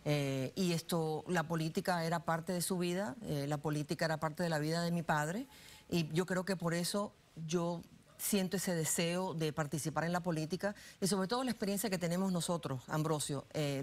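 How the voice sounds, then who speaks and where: A woman in her sixties, born in Cuba, talks on a lapel mic in a TV studio. Her voice sits low, and she speaks chattily, with many fillers and restarts. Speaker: guest, political analyst. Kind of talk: studio interview, personal story.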